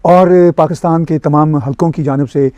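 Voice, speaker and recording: A man's voice: fairly high pitch, fairly even intonation, moderate pace, mellow, dry recording, highs cut off. A man hosting a TV panel, asking formal questions. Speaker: host. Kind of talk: moderating a TV panel.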